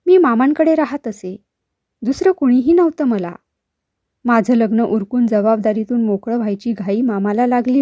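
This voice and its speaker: A woman's voice: a little high, no room sound, clean studio sound. A woman voicing a wistful young wife. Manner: soft, halting, reminiscent.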